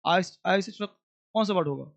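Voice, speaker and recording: High-voiced man drilling a basic class. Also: fairly quick, vocal fry. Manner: repetitive drilling with question-and-answer prompts. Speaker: English teacher. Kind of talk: classroom lesson in basic English.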